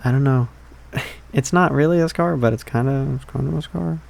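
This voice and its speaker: A young man playing an affectionate, playful, slightly needy boyfriend in a soft, hesitant, rambling ASMR ASMR role-play. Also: medium pitch, a little fast, creaky, natural voice. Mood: relaxed, rambling. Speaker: ASMR performer.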